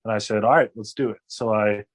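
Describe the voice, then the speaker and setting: Late-twenties male guest, low-pitched, chatty and rambling. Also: steady tone, fairly quick. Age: 20s. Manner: rambling, many fillers and restarts. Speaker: guest athlete. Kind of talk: casual interview storytelling.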